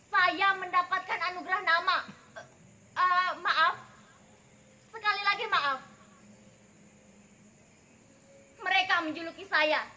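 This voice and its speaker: A woman performing a theatrical stage monologue as a wronged young mother turned bitter, defiant avenger, declaiming slowly. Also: very high-pitched, pushed and bright, heavily acted. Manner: slow, declamatory theatrical delivery.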